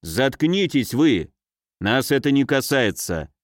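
A man voicing an angry, gruff male rebel leader who shouts threats. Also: medium pitch, very animated, takes it slowly, no echo, clean studio sound.

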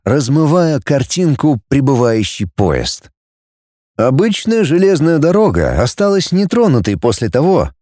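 A man reading an adventure story aloud as narrator, lifting his pitch for each character's lines. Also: mellow, no room sound, studio quality. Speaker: audiobook narrator. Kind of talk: scripted narration.

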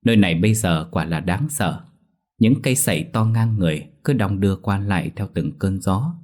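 A man narrating a ghost story in the first person, at a steady storytelling pace. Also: low-pitched, moderate pace.

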